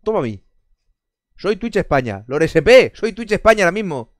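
A man's voice: high-pitched, very animated, moderate pace, dry recording, clean studio sound. A man from Spain chatting casually on a live stream, answering chat with sarcastic jokes, frequent swearing and bursts of laughter.

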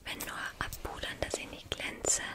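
Young woman in an intimate whisper. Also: normal speed. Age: 20s. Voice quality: soft breathy unvoiced whisper. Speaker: ASMR video creator. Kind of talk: whispered ASMR chat. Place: small bedroom, indoors. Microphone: large microphone close to the mouth.

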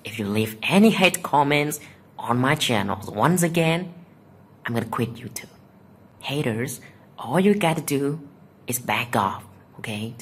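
A man's voice: a little high, lively intonation, measured pace, pauses often, slightly rough. A young man vlogging on a phone at home, sarcastically reading out comments and answering them in a mock-offended manner. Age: teenager or young adult. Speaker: YouTuber. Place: small room at home, indoors.

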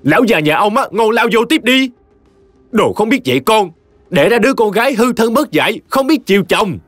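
A cocky young brute of a husband, put on by a male narrator, sneering and taunting in a high, lively voice. Soft music runs underneath. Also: normal speed, dry recording, full character voice. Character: arrogant, violent young husband.

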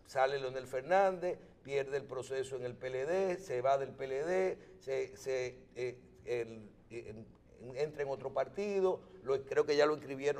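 On a political show, a man with a Dominican accent and a mid-range, darkish voice conducts an interview. His questions come out halting and roundabout, with words repeated.

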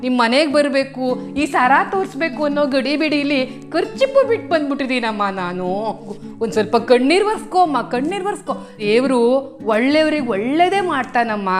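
A woman's voice: on the high side, natural voice. A woman playing a meddling visitor who relishes tears. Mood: mock consoling. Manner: falsely sympathetic, chatty, keeps adding "amma". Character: meddling middle-aged woman visitor who loves making others cry. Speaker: comedy skit performer. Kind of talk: comic home skit.

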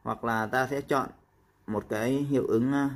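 A man explaining a phone app step by step in a casual tutorial, with frequent pauses and fillers. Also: medium pitch, steady tone, loud music behind the voice.

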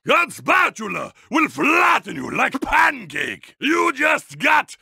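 An actor playing a bombastic, villainous monster truck in a video game, with vampire-count theatrics and a raspy, gravelly voice, shouting taunts. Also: male voice, very high voice, wildly swooping pitch, slow pace, dry recording, studio quality, exaggerated voice. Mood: menacing, boastful. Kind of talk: video game character voice clips.

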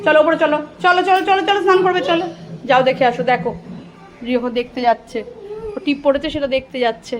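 A woman's voice: sits high, fairly even intonation, quick pace, soft background music. A woman filming her crying child at home in a casual family vlog, coaxing and soothing him in repetitive, sing-song baby talk. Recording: loud background noise, home video.

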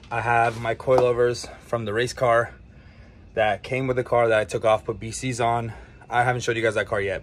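A man's voice: medium pitch, a little hiss or hum. A young man chatting casually to his viewers in a vlog, recorded outdoors beside a car on a hot day with a handheld camera. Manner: relaxed, chatty, addresses viewers as "boys". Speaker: car vlogger.

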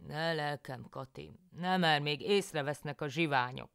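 A woman voicing a grumbling peasant husband in a folk tale, with loud, scolding exclamations. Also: low voice, creaky, clean tone, no echo, clean studio sound, voice pushed up. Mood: exasperated.

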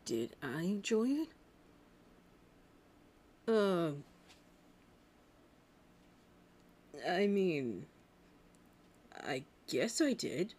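A woman voicing a shy, flustered young male cartoon hedgehog hero in love, husky and hesitant, in an intimate ASMR roleplay. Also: on the low side, darkish tone, slight background noise, full character voice. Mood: shy, tender. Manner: hesitant, stammering, bashful.

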